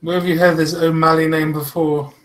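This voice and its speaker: A man's voice: on the high side, little pitch movement, brisk. A man playing his character in a tabletop roleplaying game, speaking in a matter-of-fact way. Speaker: player.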